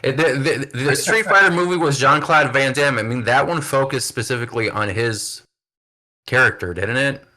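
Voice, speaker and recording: A man's voice: mid-range voice, normal speed, pushed and bright. A man hosting a wrestling podcast, chatting casually in an upbeat, filler-heavy way. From United States. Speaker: podcast host. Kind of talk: casual chat.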